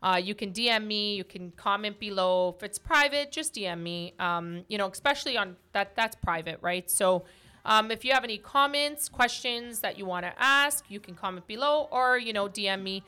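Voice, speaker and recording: Woman podcast host, bright tone, casual and rambling with fillers. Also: mid-range voice, moderate pace, clean tone. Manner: chatty, warm-hearted, many fillers and restarts.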